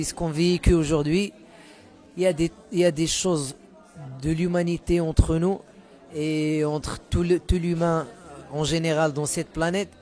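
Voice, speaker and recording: Hesitant Moroccan man, slightly high voice. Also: darkish tone. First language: Moroccan Arabic. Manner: hesitant, repeats words while searching for terms. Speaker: musician guest. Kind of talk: casual interview talk.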